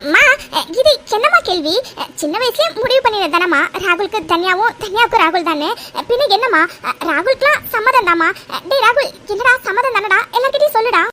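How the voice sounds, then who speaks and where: A woman voicing a brisk middle-aged mother in a cartoon drama, insistent and dismissive. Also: extremely high pitch, animated, bright, forceful tone, a little hiss or hum, full character voice. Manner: insistent, talks over others. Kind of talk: dubbed cartoon family drama.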